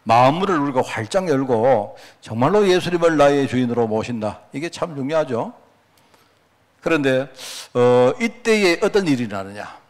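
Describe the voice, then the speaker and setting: Male pastor, sermon, animated storyteller who acts out quotes, very expressive. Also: medium pitch, normal speed.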